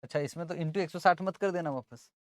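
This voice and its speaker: A man's voice: fairly high pitch, a little fast, no room sound. A man teaching accounting in an informal lesson, casually working through the sums aloud.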